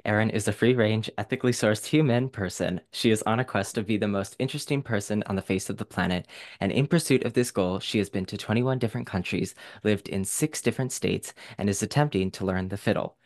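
A man's voice: on the low side, a little fast. Hyped-up male podcast host. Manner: hype-filled, enthusiastic, joking. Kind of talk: upbeat podcast interview.

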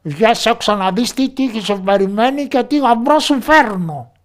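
A man voicing a boastful, ragged goblin father in a storybook tale, calling out loudly and coaxingly. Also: very high-pitched, expressive, voice pushed up. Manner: loud coaxing calls.

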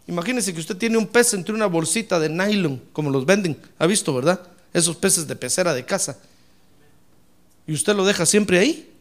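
A man's voice: high-pitched, lively intonation, moderate pace. A man preaching a sermon, asking the congregation rhetorical questions and calling them brother. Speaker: pastor.

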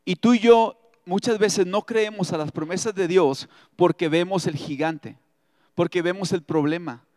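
A man preaching a sermon as pastor, reading scripture aloud and breaking in with lively, joking asides. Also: sits high, unhurried, dry recording, clean studio sound, long reverb tail. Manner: expressive, reads scripture aloud with asides and humor.

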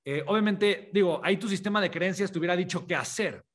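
High-voiced man, motivational talk. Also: fast. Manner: hesitant, many fillers and restarts, rhetorical questions. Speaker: motivational speaker. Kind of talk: live motivational talk with storytelling.

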